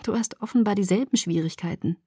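A woman voicing a stubborn, earnest young woman in love, speaking quietly and earnestly. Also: medium pitch, fast, husky, no room sound, studio quality, natural voice. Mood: soft.

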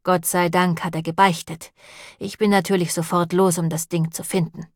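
A woman's voice: on the low side, flat delivery, normal speed, no echo, studio quality, close to an everyday voice. A woman reading the lines of a nervous, whining priest in an audiobook, plaintive and fretful in tone. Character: nervous, whining long-nosed priest man.

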